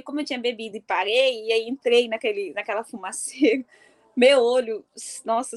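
A woman from do Sul, casually telling a personal story in an animated way and laughing often. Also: a little high. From Mato Grosso do Sul, Brazil. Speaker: football fan.

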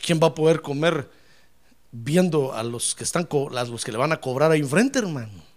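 A male pastor preaching a sermon, fervent, swinging from loud exclamations to quiet asides and often addressing his listeners directly. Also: fairly high pitch, lively intonation, normal speed. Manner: repeatedly addresses listeners as "hermano".

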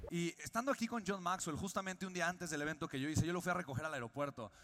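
A man's voice: a little high, quick pace, faint music behind. A young Mexican man with a Mexican Spanish accent, a podcast host telling a personal story and acting out the voices of the people in it. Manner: animated storyteller, acts out quoted voices. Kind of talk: storytelling monologue. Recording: long reverb on the voice.

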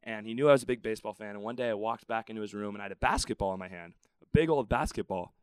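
A man's voice: on the low side, racing, clear, resonant tone, no echo. A man, a podcast guest telling candid, self-deprecating stories. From Southern California. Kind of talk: casual interview.

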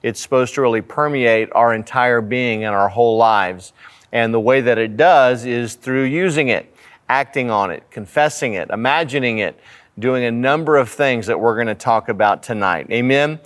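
A man's voice: mid-range voice, normal speed, fairly bright tone. A man speaking as a pastor, giving a conversational, earnest Bible study sermon with repeated phrasing for emphasis. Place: church sanctuary.

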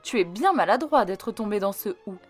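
A woman's voice: medium pitch, lively intonation, moderate pace, breathy edge, soft background music, pitched above the performer's own voice. A woman voicing a mother who exclaims and scolds in a reproachful tone. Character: fussing mother, scolding aunt.

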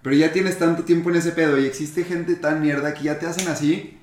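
A Mexican man as a guest in a casual chat, cracking quick crude jokes. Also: a little high, steady tone, darkish tone. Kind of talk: casual chat among friends. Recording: echoey room, a little off-mic.

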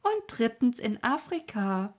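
A woman's voice: a little high, sing-song, unhurried, voice pushed up. A woman voicing a genial middle-aged doctor who dryly mocks and lectures his young nephew. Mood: wry. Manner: dry, mocking, lecturing.

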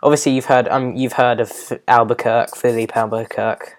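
A man hosting a podcast in casual chat, reading names out haltingly, tripping over pronunciations and laughing at himself. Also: mid-range voice, steady tone. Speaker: podcast host.

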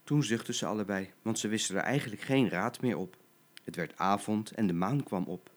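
A man's voice: fairly low pitch, a little fast. An older man, a grandfather, expressively reading a children's bedtime story aloud.

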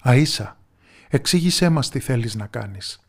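A man's voice: medium pitch, animated. Man doing an anxious village lord. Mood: agitated. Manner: troubled, pleading, raises his voice. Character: kind, just male village lord, worried.

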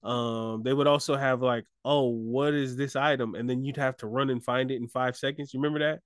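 A man's voice: mid-range voice, steady tone, fast, clean tone, no room sound, studio quality. A man co-hosting a casual chat, a laid-back storyteller who laughs often. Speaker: podcast co-host.

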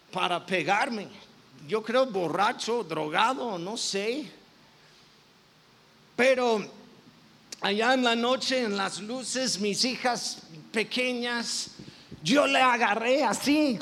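A man's voice: very high-pitched, fairly bright tone. A man, a pastor, telling a personal story in a sermon, with many restarts and self-corrections. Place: church.

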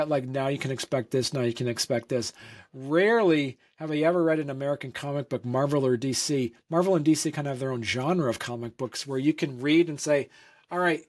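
A man from Vermont talks casually as a guest on a comics podcast. He rambles, stops and restarts, and fills pauses with ums and likes. His voice sits in a middle pitch. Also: darkish tone. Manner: rambling, many fillers and restarts. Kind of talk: casual interview chat.

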